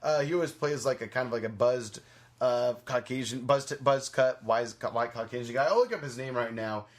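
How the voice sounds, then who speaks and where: A podcast host with a mid-range voice and moderate pace chats casually about entertainment and reviews movies. His talk rambles and hedges.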